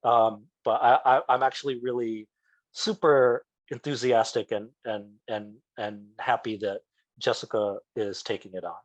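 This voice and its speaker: A man, a children's book author, talks in a reflective, rambling way, leaning on "like" and "you know." His voice sits at an ordinary middle pitch. The recording is close and dry. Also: steady tone, a little slow, dry recording, poor audio. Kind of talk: interview talk.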